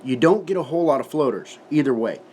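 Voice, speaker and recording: A man's voice: medium pitch, expressive, fast, a little mellow, slight background noise. Folksy man talking with a lip full of dip. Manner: folksy, colloquial, swears casually. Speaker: tobacco product reviewer. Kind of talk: casual product review vlog, talking to camera.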